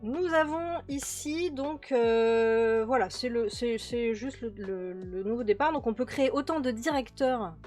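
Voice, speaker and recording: A woman's voice: a little high, measured pace, few pauses, a little mellow. A woman hosting a game commentary video, chatty, with many fillers and repeated words. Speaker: host playing a management game. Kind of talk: casual let's-play commentary. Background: faint background music.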